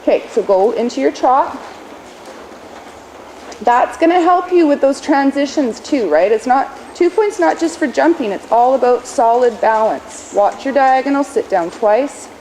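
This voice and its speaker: A woman coaching a horse riding lesson, projecting brisk commands and corrections with short explanations. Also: high voice, animated, dark tone. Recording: clearly noisy riding-lesson ambience.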